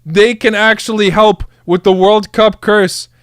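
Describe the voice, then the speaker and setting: A man's voice: sits high, fairly even intonation, measured pace, clean tone, no echo, clean studio sound. A young man streaming a live football reaction, hyped up, cheering and talking to his chat. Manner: hyped, chants and cheers, addresses chat as guys. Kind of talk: excited live match reaction.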